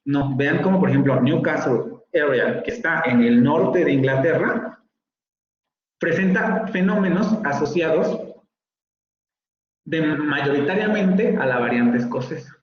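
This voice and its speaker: A man's voice: fairly high pitch, expressive, a little slow, slight background noise. Man, phonetics teacher, patient explaining, sounds out examples, roomy, slightly dull call audio. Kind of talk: online lecture.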